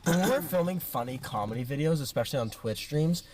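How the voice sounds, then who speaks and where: A man's voice: fairly high pitch, animated, fairly quick, a little mellow. A young man in casual chat, joking around and swearing now and then. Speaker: podcast co-host. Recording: distant mic with faint noise.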